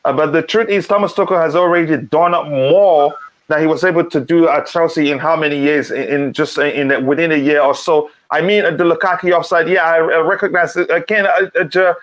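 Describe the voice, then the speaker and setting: A man's voice: fairly high pitch, steady tone, a little fast, a bit bright. A man who grew up in Nigeria, hosting a casual live football chat stream, reading out chat comments and talking with frequent ums and restarts.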